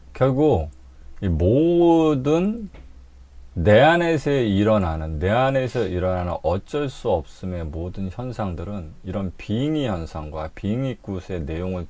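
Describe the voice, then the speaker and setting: A male lecturer with a low-pitched voice, talking through his subject in an animated storytelling way. He slips into acted bits as he explains. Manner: animated storytelling, acts out scenes. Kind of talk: spoken lecture.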